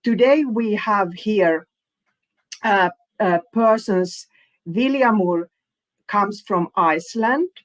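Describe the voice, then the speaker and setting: A woman from Finland hosts an online panel over a video call. She speaks slowly and haltingly, with frequent fillers between phrases. Her voice sits at an average pitch. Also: low-quality recording. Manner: hesitant, many fillers, non-native phrasing. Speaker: panel moderator.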